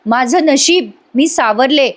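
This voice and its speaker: A woman voicing a stern young sister-in-law who scolds slowly and firmly. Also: high-pitched, animated. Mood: scolding. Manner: slow, scolding, firm.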